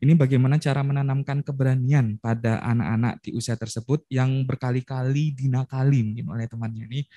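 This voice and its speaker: A man's voice: mid-range voice, steady tone, fast talker, hardly any pauses, warm tone, no room sound. A man hosting a talk show who sums up the guest's points and passes on questions from the audience.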